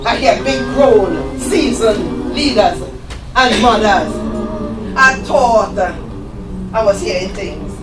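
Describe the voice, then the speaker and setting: Female revival preacher, fervent and exhorting, emphatic drawn-out delivery, echoey church, distant mic. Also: lively intonation, loud music behind the voice. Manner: exhorting, rising to shouts and dropping low; drawn-out emphatic phrases with rhetorical questions. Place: church service.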